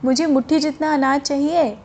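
A stubborn, loud wood seller from a children's story, played by a woman storyteller, calling out his wares in long, drawn-out shouts. His voice sits high and he keeps insisting on his terms. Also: steady tone, slight background noise, natural voice. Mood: insistent. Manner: drawn-out hawker's calls, insistent.

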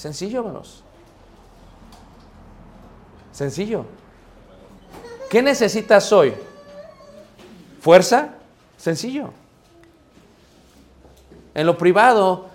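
A man's voice: sits high, lively intonation, takes it slowly, pauses often. A man preaching a sermon, talking to the congregation in a conversational way and asking them rhetorical questions. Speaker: pastor.

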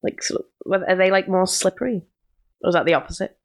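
A woman's voice: fairly low pitch, brisk. A woman co-hosting a podcast, chatting casually and telling everyday anecdotes. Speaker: podcast co-host.

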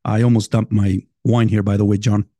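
A man's voice: fairly low pitch, flat delivery, a little fast, dark tone, no echo. Brief: male podcast host, 50s, Salvadoran Spanish accent, casual swearing monologue at his desk, dry close sound. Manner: loose, chatty, swears casually, talks straight to listeners.

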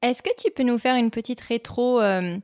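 A woman's voice: on the high side, moderate pace, a little mellow. A woman hosting a podcast, introducing her guest and asking friendly questions. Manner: friendly questions, short backchannels. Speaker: podcast host. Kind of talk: podcast interview.

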